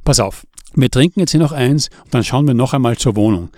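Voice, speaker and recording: A man voicing Klaus, a practical, energetic adult man who speaks briskly and decisively, in an audiobook. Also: medium pitch, no room sound, studio quality, close to an everyday voice. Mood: calm.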